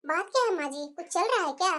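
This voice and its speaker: A woman's voice: very high-pitched, lively intonation, quick pace, pushed and bright, pitched below the performer's own voice, full character voice. Woman voicing a caring elder daughter-in-law. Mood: concerned. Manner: earnest, scolding, soothing. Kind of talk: animated story voice acting.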